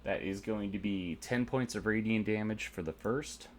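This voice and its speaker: Deep-voiced man running a tabletop game. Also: moderate pace, noisy background. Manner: methodical, explains rules step by step. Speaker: game master.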